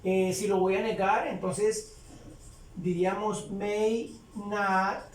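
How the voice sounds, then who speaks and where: A man teaching English grammar in Spanish, explaining slowly and repeating phrases as he writes on a board. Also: sits high, little pitch movement, darkish tone, distant mic, a little hiss or hum. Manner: slow, repeats phrases while writing. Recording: echoey room, voice away from mic.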